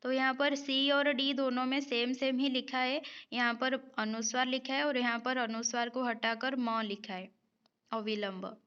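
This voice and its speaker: High-pitched woman teacher going thru spelling questions one by one, slow and steady, repeats each word, slightly dull audio. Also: clear, resonant tone. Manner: methodical, repeats each word and checks with "ठीक है". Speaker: Hindi grammar teacher. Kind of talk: exam-prep lesson, going through multiple-choice spelling questions.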